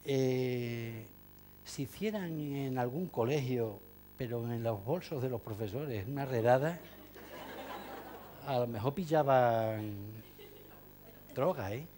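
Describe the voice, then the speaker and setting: A man's voice: medium pitch, slow, pauses often, warm tone, slight background noise. A man giving an ironic, joking talk to teachers, full of asides and fillers. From Spain. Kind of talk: humorous lecture to an audience.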